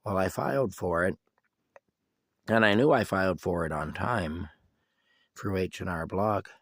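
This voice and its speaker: A sick man with a cough, giving a casual, rambling video update from inside his camper, halting and restarting often. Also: low voice, dry recording. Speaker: vlogger giving a personal update.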